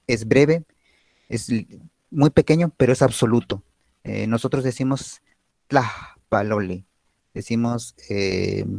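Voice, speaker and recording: A man with a Mexican Spanish accent, a Nahuatl-speaking teacher, patiently explains sounds at an online panel, pausing often with fillers and checking "¿sí?" with his listeners. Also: mid-range voice, gravelly, warm tone, dry recording.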